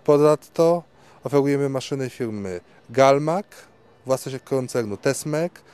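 A young man with a mellow, clear voice, speaking fluently and listing products. He is interviewed outdoors at a trade fair on a handheld mic. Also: medium pitch, a little slow. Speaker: company representative. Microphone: handheld reporter mic.

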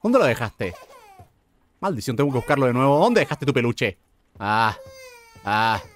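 A man's voice: mid-range voice, moderate pace. A young man hosting a gaming video, joking and talking back to a horror game as he plays. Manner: excitable, jokey, talks to the game. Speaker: gamer host.

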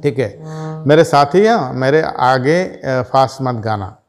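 A man's voice: mid-range voice, animated, unhurried. A man teaching a school prayer song to young children, patiently checking in with them again and again. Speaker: music teacher. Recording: loud backing music.

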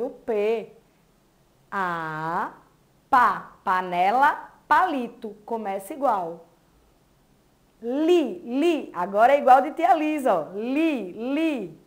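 A young adult woman with a Brazilian Portuguese accent leads a reading lesson for small children. Her voice sits a little high, and she speaks slowly, breaking words into syllables and praising the class often. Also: sing-song. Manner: slow, syllable-by-syllable sounding out with praise. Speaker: teacher.

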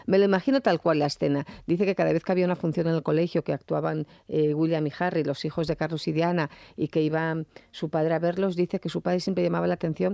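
Gravelly fast-talking woman on radio. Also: low-pitched, steady tone, mellow, no room sound, studio quality. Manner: chatty storyteller, laughs while telling anecdotes. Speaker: radio gossip commentator. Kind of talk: radio panel chat. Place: radio studio.

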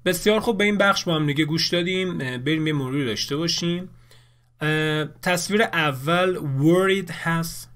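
A man teaching English in a recorded lesson, explaining clearly in Persian and saying the English words slowly. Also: on the high side, a bit bright.

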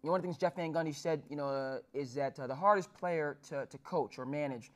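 This man's voice is on the high side and fast. He's in his thirties, from New Jersey, and hosts a sports talk show in a small studio with a dark backdrop, with formal phrasing peppered by fillers and restarts.

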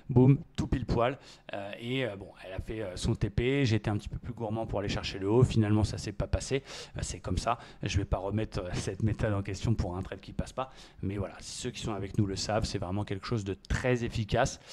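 A man's voice: fairly low pitch, darkish tone. A man giving a screen-share trading tutorial, talking enthusiastically, with emphatic repetition and frequent fillers. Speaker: trading educator.

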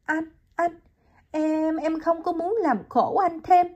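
A woman's voice: fairly even intonation, slow pace, highs cut off. A woman voicing a heartbroken young mother in an audiobook, speaking in a choked, pleading way. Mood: distraught. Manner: choked, pleading and high-pitched.

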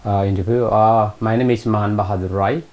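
A middle-aged retired British Army Gurkha from eastern Nepal recalls his life in an oral history interview, speaking hesitantly with a Nepali accent and often repeating phrases. His voice is lowish, a little mellow and fairly even, at a fairly quick pace. He sits on a sofa in a small indoor room wearing a lapel mic.

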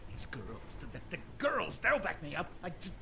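A man's voice: high-pitched, sing-song, moderate pace, gravelly, noisy background, exaggerated voice. An actor voicing a sleazy, cowardly middle-aged male official in a story game, stammering and pleading. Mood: frantic.

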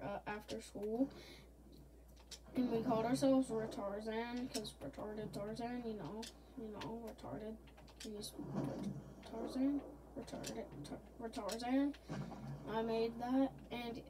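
A woman giving rambling, silly commentary while playing a video game. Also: on the high side. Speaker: gaming video creator. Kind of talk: gameplay commentary. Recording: noisy background.

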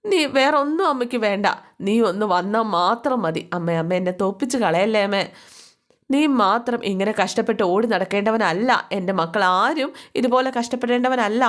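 Lady voicing a crying old mom begging her son, high and pleading. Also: moderate pace, natural voice. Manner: pleading, emotional. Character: tearful pleading older mother.

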